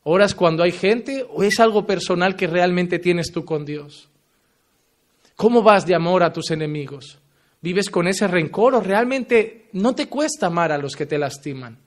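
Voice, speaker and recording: A male pastor preaching a fervent sermon, pressing listeners with direct questions and swinging from loud emphatic lines to low, quiet endings. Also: measured pace.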